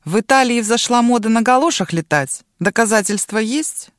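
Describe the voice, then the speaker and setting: A woman's voice: a little high, lively intonation, normal speed, no room sound, clean studio sound, pitched above the performer's own voice, natural voice. Woman doing a brash boastful dragon girl. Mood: menacing. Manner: mocking, domineering, boastful.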